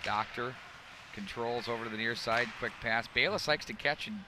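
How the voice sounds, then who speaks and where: Man, play-by-play announcer for a hockey game outdoors, noisy street sound behind, middle voice, quick punchy calls. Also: medium pitch. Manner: rapid calls that rise sharply on scoring chances. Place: outdoor rink broadcast.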